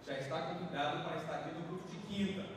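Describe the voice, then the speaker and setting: Preaching a sermon in a church sanctuary, a Brazilian pastor speaks fast in a chatty, conversational way, his voice fairly high for a man, and he keeps tossing tag questions to the congregation. The mic is far off, so the church hall echoes with a long reverberant tail over steady room noise.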